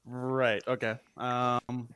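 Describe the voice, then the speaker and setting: A man playing a tabletop game, telling his card-sharp moves in a playful, chatty way. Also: mid-range voice, level tone, extremely slow, slight background noise. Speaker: player. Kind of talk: in-character play at the table.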